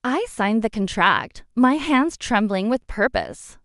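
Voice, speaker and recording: Woman, dramatic first-person narration, animated, higher voice, dry recording. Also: slow, no echo. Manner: dramatic, expressive storytelling. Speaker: story narrator.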